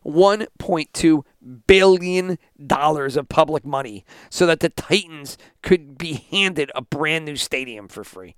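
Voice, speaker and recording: A man's voice: on the high side, a little slow, hardly any pauses, fairly bright tone, clear, resonant tone, soft background music. A man hosting a sports podcast, ranting indignantly and sarcastically, with plenty of swearing. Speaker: podcast host.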